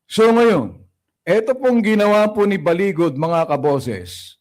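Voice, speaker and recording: A man hosting a political opinion vlog, talking straight to his viewers in a scornful, mocking tone and slowly working through numbers. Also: high voice, expressive, a little mellow. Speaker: political commentary vlogger. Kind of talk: opinion commentary addressed to viewers.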